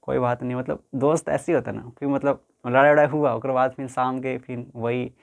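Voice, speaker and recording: A man's voice: medium pitch, steady tone, normal speed, creaky, lo-fi sound. A man teaching a school physics lesson, repeating points and asking students if they follow. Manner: repetitive, checks understanding often; homely, colloquial examples. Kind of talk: explaining a lesson.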